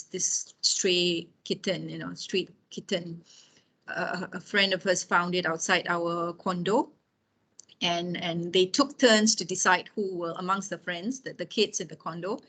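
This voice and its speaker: A woman in her fifties with a voice on the low side and a bit bright offers an informal lecture with anecdotes from her own life, speaking conversationally and frequently checking in with listeners.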